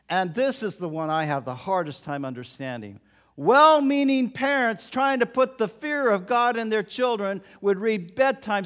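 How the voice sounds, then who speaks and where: A man preaching a sermon, dramatic, dropping to a hush and then rising to loud emphasis. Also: high-pitched.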